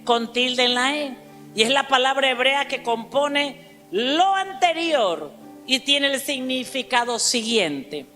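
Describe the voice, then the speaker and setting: A woman preaching a sermon to a congregation, emphatic, calling out to the listeners and spelling out words slowly. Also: high voice, pushed and bright. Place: church hall. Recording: church hall reverb with faint music.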